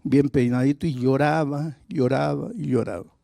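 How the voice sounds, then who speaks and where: A man's voice: mid-range voice, steady tone, normal speed, vocal fry, warm tone, no room sound, studio quality. A male pastor preaching a sermon, telling a story dramatically and vividly.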